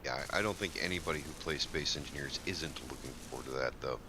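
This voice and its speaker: A man's voice: extremely low pitch, fast talker, background noise. A man chatting casually with friends while playing a building game, wry and sarcastic. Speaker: game streamer. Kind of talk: casual multiplayer game chat.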